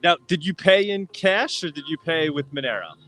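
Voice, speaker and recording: Bright-voiced male host, loose rambling street chat. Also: a little high, expressive, moderate pace, faint music behind, low-quality recording. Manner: loose, rambling, many fillers and restarts. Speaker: podcast host. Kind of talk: casual livestream chat. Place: outdoors on a street, coffee stand.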